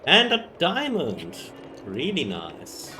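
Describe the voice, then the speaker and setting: A man hosting a let's play of a video game, giving relaxed commentary and reading the game's text aloud. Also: on the high side, slow pace. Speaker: gaming channel host. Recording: gameplay commentary over game music. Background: game music.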